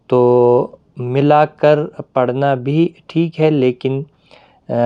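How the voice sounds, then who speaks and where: A man teaching a Quran reading lesson, explaining patiently with pauses and drawn-out fillers. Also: medium pitch, smooth, dull audio.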